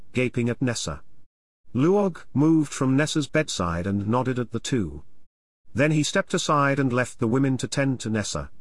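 A man narrating an audiobook in an expressive, measured storytelling style. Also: medium pitch, dry recording. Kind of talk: scripted narration.

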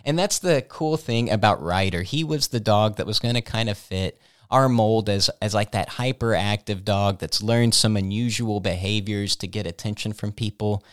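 Enthusiastic low-voiced dog trainer man. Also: normal speed, no room sound, studio quality. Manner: enthusiastic, lively storytelling. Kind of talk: casual explanatory chat.

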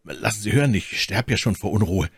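A man doing a hushed, phlegmatic musketeer. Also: on the low side, animated, husky, dry recording, studio quality, heavily acted. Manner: hushed, measured. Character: calm, phlegmatic older male musketeer.

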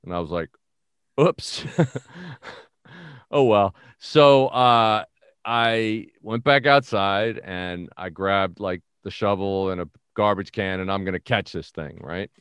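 A middle-aged man from the Bronx, telling a story in an animated, self-mocking way as an interview guest. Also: low-pitched, takes it slowly, smooth, no room sound, clean studio sound. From the Bronx, New York. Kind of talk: casual storytelling.

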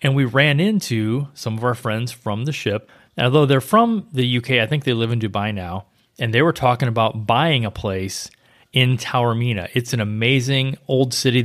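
A man's voice: medium pitch, moderate pace, fairly bright tone. A man co-hosting a travel podcast, chatting casually and informatively about destinations. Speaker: podcast co-host, travel agent.

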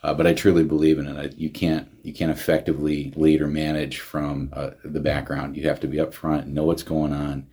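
Very deep husky man, earnest. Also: little pitch movement, brisk, few pauses, dark tone. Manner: earnest, many restarts and fillers. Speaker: county veterans service director. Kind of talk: casual interview talk.

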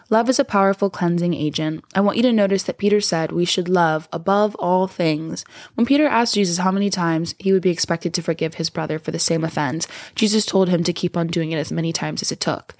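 A woman's voice: lowish voice, darkish tone, no room sound, clean studio sound. A woman podcast host reading a devotional text aloud.

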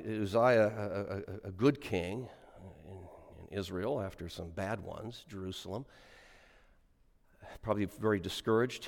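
A middle-aged man, a priest, reading the gospel and preaching a homily with a lively delivery that rises on quoted lines, heard in a large church with a long cathedral echo. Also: on the low side. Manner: lively sing-song delivery, rising on quotes.

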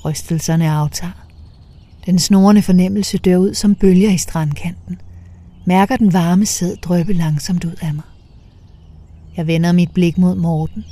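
A woman narrating a first-person story in a soft, half-whispered way. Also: on the low side.

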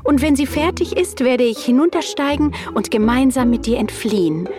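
A woman voicing an eager young princess, high and pleading. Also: animated, moderate pace. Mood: hopeful. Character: anxious, lovestruck young princess in a tower. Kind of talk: storybook reading. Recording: clear background music.

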